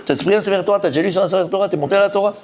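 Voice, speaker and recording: A man giving an informal, animated Talmud class, quizzing his students and repeating key points. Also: high-pitched, rapid-fire, crowd noise. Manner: lively, animated, asks students questions, repeats himself. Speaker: rabbi teaching Talmud.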